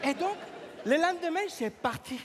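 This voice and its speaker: A comedian playing a rambling male storyteller who mangles his French, talking with lively, swooping pitch on stage. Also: unhurried, some chatter behind. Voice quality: garbles grammar and words. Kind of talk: improvised stage comedy sketch.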